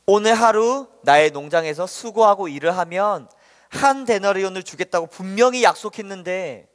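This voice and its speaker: A man voicing a male vineyard owner who answers a complaint in a measured, formal, firm way. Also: high voice. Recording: long hall reverb.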